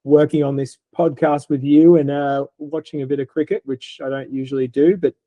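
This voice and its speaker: A man's voice: mid-range voice, level tone, moderate pace, no echo, dull audio. A man with an Australian accent co-hosting a vet podcast, talking in a laid-back, rambling way with many fillers. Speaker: veterinary podcast co-host. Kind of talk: casual podcast chat.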